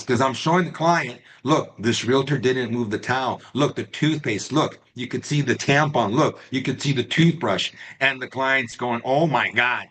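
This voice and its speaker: A man's voice: mid-range voice, a bit bright. A man coaching real estate agents in a live online class, talking straight to his students and often checking in with "right?" and "okay?". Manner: talks to the class, tags lines with right and okay.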